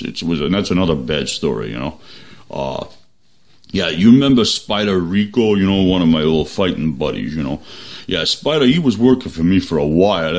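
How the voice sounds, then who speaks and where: A man doing a comedy impression of a good-natured, mumbling tough-guy boxer who talks in halting street slang. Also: a bass voice, vocal fry, heavily acted. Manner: slurred, halting street talk, says "yo" and "you know".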